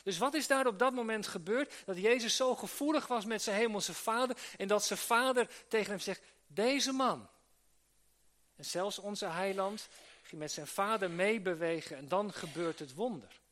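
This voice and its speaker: Earnest high-voiced preacher. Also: male voice, moderate pace, a bit bright. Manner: earnest, with restarts and rhetorical questions. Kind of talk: sermon to church workers. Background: live audience he addresses.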